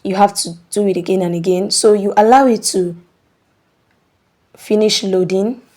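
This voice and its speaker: A woman hosts a screen-recording tutorial, patiently explaining each step and checking in with a repeated "okay?". Her medium-pitched, darkish voice stays fairly even and moves at normal speed.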